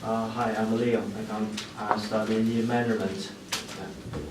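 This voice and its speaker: A man's voice: on the low side, unhurried. A male student in a group discussion, speaking hesitantly in short phrases. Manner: hesitant, monotone, brief answers. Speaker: student participant. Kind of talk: casual discussion. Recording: very echoey room from far off, noisy.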